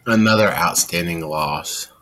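A man's voice: deep voice, measured pace, bright, forceful tone, slight background noise. A man co-hosting a casual fantasy football chat, playful and self-mocking. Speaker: fantasy football podcast co-host.

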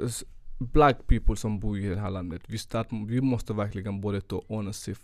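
A man's voice: lowish voice, dry recording, studio quality. A young man from Gambia, not a native Swedish speaker, telling his story in a casual podcast and mixing English phrases into his Swedish, with frequent restarts. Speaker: guest, clothing brand founder.

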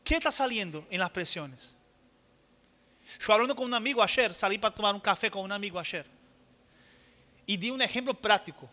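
A man preaching a sermon as pastor, joking asides and forceful exhortation. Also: high voice, expressive, normal speed, pauses often, long reverb tail.

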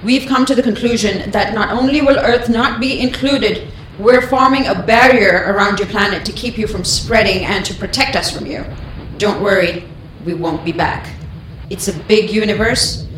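A man's voice: sits high, normal speed. A man voicing a disappointed alien lizard emissary who makes formal proclamations that slip into casual slang, heard as a distant broadcast. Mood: solemn. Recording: echoey, distant broadcast with loud background noise.

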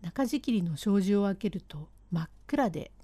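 Woman storyteller, measured old-fashioned narration, mellow tone, dry close mic. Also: mid-range voice, lively intonation, no echo. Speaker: storyteller reading classic rakugo text.

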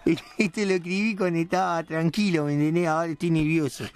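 An actor playing Palito, an indignant, rambling, slang-heavy hothead on a radio comedy show, with a Rioplatense accent. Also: male voice, a little high, fairly even intonation, quick pace, natural voice. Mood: ranting. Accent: Rioplatense Spanish.

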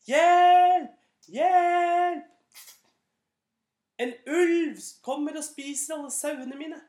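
A woman voicing a mischievous young shepherd boy who yells shrill cries for help in a storybook reading. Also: expressive, close to an everyday voice. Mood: yelling. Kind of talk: storybook character voice. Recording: echoey room.

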